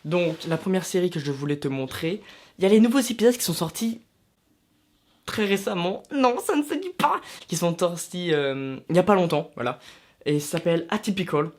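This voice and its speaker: A young French man talks casually to the camera in a vlog, recommending films and series and tossing in self-mocking asides. He has a French accent and a slightly high, a little mellow voice, and he speaks briskly.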